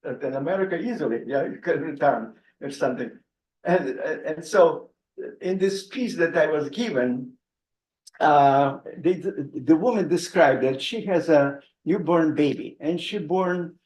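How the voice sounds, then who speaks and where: An author in his 80s from Odessa, Ukraine, gives a book talk, telling conversational anecdotes from his past in a Russian accent. His voice is somewhat high for a man and a little mellow, halting with frequent restarts and chuckles between phrases. A roomy hall echo colors the sound.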